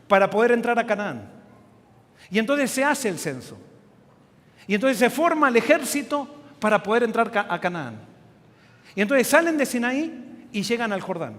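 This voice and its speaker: A male pastor preaches with a strikingly high voice, retelling scripture as an animated story and firing questions he answers himself. The sound rings with a long hall reverb. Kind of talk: sermon, storytelling Bible narration.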